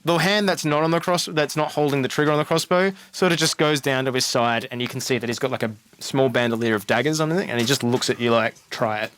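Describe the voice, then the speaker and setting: A man narrating as game master in a tabletop game, describing scenes in a brisk, chatty way. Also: medium pitch, a bit bright.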